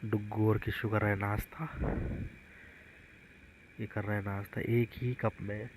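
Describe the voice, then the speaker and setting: A man's voice: lowish voice, level tone, measured pace, a little hiss or hum, rough recording. A man, a father, casually narrating a home vlog about his young sons in a chatty storytelling way. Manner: chatty storytelling, retelling the kids' antics.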